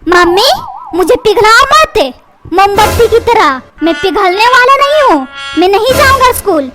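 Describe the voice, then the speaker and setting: A woman's voice: extremely high pitch, expressive, normal speed. A woman voicing a lazy, stubborn cartoon schoolboy who whines and talks back. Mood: cheeky. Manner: whiny, cheeky backtalk. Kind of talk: cartoon dubbing. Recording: loud background music. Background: loud music.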